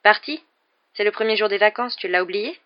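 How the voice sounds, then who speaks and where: A woman reading aloud, voicing a tense, nervous teenage boy who is quick to anger. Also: mid-range voice, highs cut off, pitched above the performer's own voice, close to an everyday voice. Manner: tense, loud.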